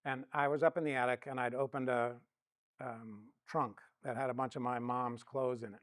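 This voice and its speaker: A man's voice: mid-range voice, fairly even intonation, moderate pace, a bit bright, no echo. A middle-aged man giving a counseling lesson, telling personal stories and acting out the quoted dialogue. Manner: storytelling, acts out quoted dialogue. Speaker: counseling instructor. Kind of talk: teaching talk with personal stories.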